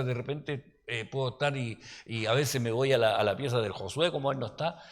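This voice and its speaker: Un pastor con acento chileno que da un estudio bíblico en tono de charla, con anécdotas y preguntas como "¿ya?" a los oyentes. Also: male voice, medium pitch. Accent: Chilean Spanish. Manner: folksy, anecdotal, asks listeners "¿ya?". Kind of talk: conversational Bible-study sermon. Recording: reverberant hall.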